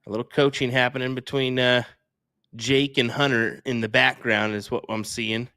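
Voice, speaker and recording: A man's voice: medium pitch, little pitch movement, normal speed, sharp tone, smooth, no room sound, studio quality. A man calling a darts match live, upbeat and playful. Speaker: darts commentator. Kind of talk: live sports commentary.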